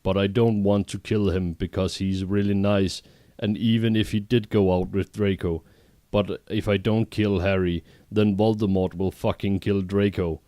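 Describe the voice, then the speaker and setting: A man's voice: on the low side, flat delivery, moderate pace, warm tone, no echo, studio quality, close to an everyday voice. Man reading a foul-mouthed gothic teen girl. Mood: upset. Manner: swearing, overwrought.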